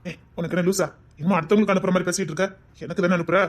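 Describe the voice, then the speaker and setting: A man's voice: sits high, fairly even intonation, very fast, lightly acted. A man playing a coaxing Tirunelveli blackmailer. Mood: sweet-talking. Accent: Tirunelveli Tamil. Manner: coaxing, insistent, keeps asking 'understand?'. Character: smooth-talking young man, manipulative, greedy blackmailer. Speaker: scheming boyfriend on a phone call. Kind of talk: web drama acting.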